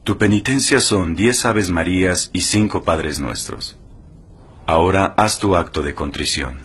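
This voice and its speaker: Very husky, deep-voiced confessional priest. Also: male voice, exaggerated voice. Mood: gentle counsel. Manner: quiet, measured confession booth counsel. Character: grave, patient male priest hearing confession. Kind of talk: film drama acting, confession booth.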